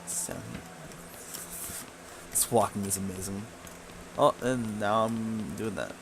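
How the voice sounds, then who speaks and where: A man's voice: fairly low pitch, slow, noisy background. A man playing a video game, reading its text aloud and adding casual, muttered asides. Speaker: let's play gamer.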